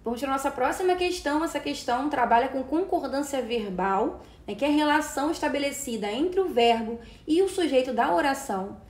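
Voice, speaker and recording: A woman's voice: high voice, animated, fairly quick, few pauses. A Brazilian Portuguese-speaking woman teacher giving an exam-prep lesson, explaining step by step and checking in often with short tag questions. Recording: roomy echo.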